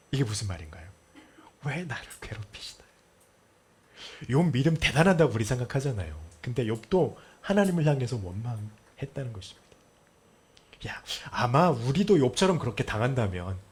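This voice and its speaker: Middle-aged man, pastor, storytelling sermon; husky, animated delivery with acted-out quotes. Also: mid-range voice. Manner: lively storytelling, acts out quotes, drops to near-whispers.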